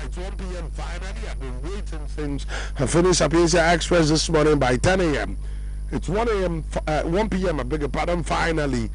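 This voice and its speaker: A Nigerian man with a baritone voice hosts a radio sports show, animated and effusive, drifting into a sing-song lilt. His voice sits a touch higher than most men's. The radio stream carries a faint hum. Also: low-quality recording. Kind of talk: lively sports radio presenting. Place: radio studio.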